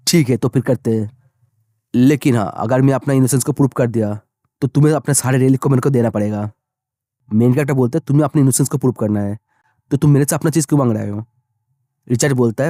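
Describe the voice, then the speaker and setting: A man tells a manga story at a brisk clip, speaking every character's lines in one unchanging voice. His tone is mellow and somewhat dark, and the recording is dry and close, with no room sound. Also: mid-range voice, no room sound. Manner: rapid, plain retelling of dialogue. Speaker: manga recap narrator. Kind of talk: storytelling recap, voicing all characters in the same voice.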